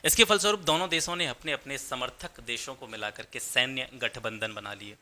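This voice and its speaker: A man's voice: mid-range voice, a little fast, bright, forceful tone. A man teaching a history lesson for exam preparation, explaining points step by step and repeating key terms in both Hindi and English. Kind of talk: exam-prep history lecture.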